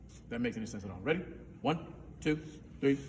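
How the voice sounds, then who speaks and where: A man's voice: medium pitch, animated, brisk. A man who is a band director, teaching a rehearsal and counting in his players, singing syllables to show how a note should sound. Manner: instructive, counts players in, sings syllables to demonstrate. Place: school band room. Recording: distant, reverberant room recording with faint noise.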